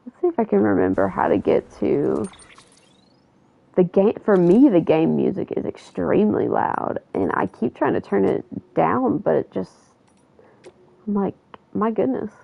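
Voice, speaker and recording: Gravelly, husky woman livestreamer. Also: mid-range voice, lively intonation, unhurried, no echo, narrow, tinny audio. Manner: chatty, rambling, self-correcting, laughs easily. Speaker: livestreamer playing a video game. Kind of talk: casual livestream chat.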